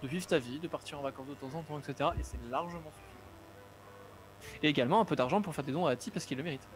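A man's voice: fairly high pitch, fast talker. A man co-hosting a live stream, bantering and arguing jokingly in casual chat. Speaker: stream co-host. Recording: faint music in background.

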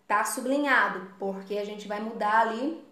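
Speaking at a normal speed with a sharp tone, this guitar teacher has a medium-pitched voice with a Brazilian Portuguese accent. She teaches live online from an echoey room, explaining patiently step by step and voicing the strum rhythms aloud.

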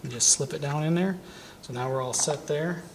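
In a welding shop corner with a curtain backdrop, a man in his thirties casually demonstrates welding equipment, talking while he works with his hands. His voice is fairly high and his pace moderate, with background noise audible.

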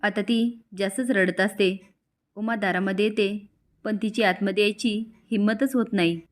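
A woman recapping a TV serial episode in steady, plain storytelling narration. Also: mid-range voice, normal speed.

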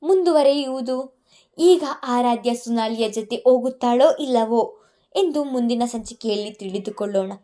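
A woman storyteller narrating a serialized family drama in an expressive, scripted reading. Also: on the high side, normal speed.

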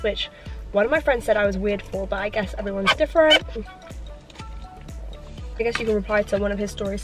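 A woman, chatting casually while eating in a mukbang Q&A, filling her talk with "like" and sometimes speaking with her mouth full. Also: medium pitch. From London, England. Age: 20s. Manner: chatty, leans on "like" constantly. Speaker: YouTuber.

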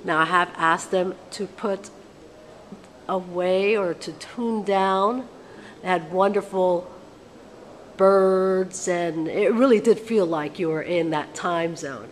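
A chatty, theatrical woman in her thirties hosts a vlog from a museum exhibit hall. She is recorded on a close handheld camera, and her voice rings with a long reverb over steady background noise. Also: lowish voice. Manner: theatrical, chatty, mixes Spanish greetings. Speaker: vlog host. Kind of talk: playful on-location interview. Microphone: handheld camera held close.

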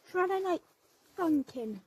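High playful lady doing a game vlog, slow talk, voice bounces all over, silly noises. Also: animated, background noise. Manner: playful, with silly sound effects and baby talk. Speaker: game vlogger.

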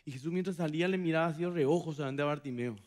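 A man preaching a sermon as pastor, dramatic, acting out quoted voices with big swings from loud to hushed. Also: a little high, racing. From Paraguay. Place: church hall.

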